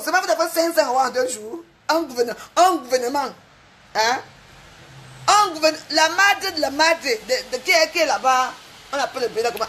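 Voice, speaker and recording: A woman's voice: high voice, sharp tone, slight background noise. A woman on a livestream, boasting and mocking her rivals in a repetitive, taunting rant. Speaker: social media livestreamer.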